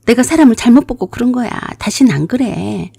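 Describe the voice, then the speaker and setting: A woman's voice: fairly high pitch, lively intonation, brisk, vocal fry, dark tone, breathy edge, no echo, clean studio sound, heavily acted. A woman voicing a brazen, shameless young woman swindler with a whiny manner.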